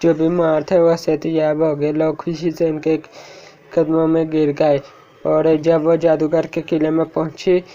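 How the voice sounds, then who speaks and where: A man narrating a fairy tale in an even, scripted storytelling delivery. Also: a little high, unhurried. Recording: dull lo-fi recording.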